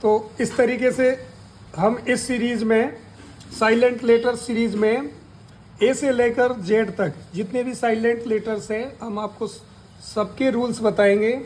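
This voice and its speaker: A man's voice: very high voice, fairly even intonation, a little mellow, a little hiss or hum, low-quality recording. A man teaching a lesson, spelling out letters one by one and asking and answering his own questions. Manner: repeats key words and asks then answers his own questions; deliberate, drawn-out spelling of letters. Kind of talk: slow spoken lesson.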